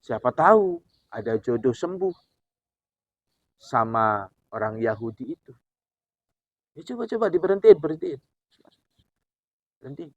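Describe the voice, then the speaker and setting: A man preaching who tells a story in an animated way, acting out the dialogue as he goes. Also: mid-range voice, measured pace, pauses often, dry recording. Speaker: Islamic preacher. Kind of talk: sermon storytelling. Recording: dull, dry recording.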